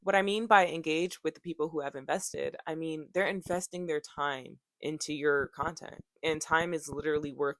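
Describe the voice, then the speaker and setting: A woman's voice: deep voice, steady tone, normal speed, hardly any pauses, bright, forceful tone, no room sound. Woman in her 20s vlogging, goes off topic a lot, jokes and swears, dry room. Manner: rambling and joking, swears freely. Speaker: YouTuber. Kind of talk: casual chat to camera.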